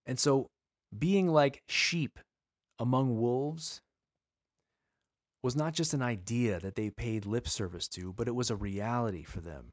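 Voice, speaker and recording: A man with a medium-pitched voice gives an earnest, sermon-style teaching on a dry recording. He asks his listeners pleading rhetorical questions and slows down to stress key words.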